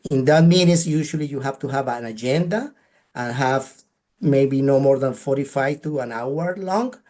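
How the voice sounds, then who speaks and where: A Colombian man with a Colombian Spanish accent gives practical advice as a guest speaker in a webinar. His mid-range voice has a darkish tone and a moderate pace, and he speaks earnestly, often closing points with "right?"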